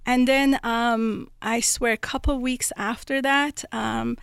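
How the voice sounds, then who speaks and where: Creaky-voiced young woman from Iran. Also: fairly high pitch, fairly even intonation, slow pace, no room sound, studio quality. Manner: earnest, storytelling, many fillers. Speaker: guest, children's book author. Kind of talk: conversational interview.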